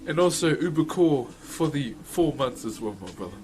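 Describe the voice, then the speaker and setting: Animated and on the high side, this man's voice moves at a moderate pace while music plays behind. He livestreams in a broad New Zealand accent, keeping the chat with viewers easygoing and slangy.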